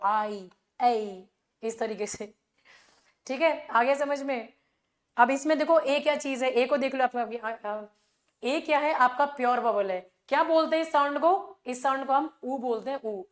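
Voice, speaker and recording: Indian woman teacher, high voice, quizzes the class with rhetorical questions and keeps repeating filler phrases. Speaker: English teacher. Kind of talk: exam revision class.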